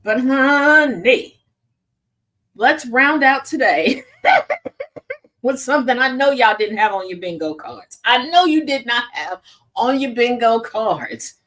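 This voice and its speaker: Hosting a casual commentary on the day's news, a woman drawls her words slowly in a high voice that swoops up and down. She sounds sassy, expressive and fairly bright, and laughs often.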